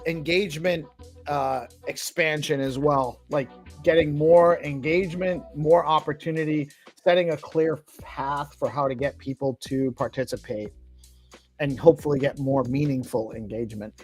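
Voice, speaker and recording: An easygoing male host chats agreeably on a crypto show. His voice sits somewhat high. Faint music runs beneath him. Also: fairly even intonation, normal speed, a little mellow. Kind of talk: casual chat.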